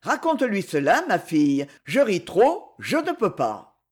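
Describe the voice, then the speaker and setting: A man's voice: high voice, measured pace, breathy edge, full character voice. A man voicing a mischievous, jovial old general in an audiobook. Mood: gleeful. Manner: lively, jovial, laughing delivery.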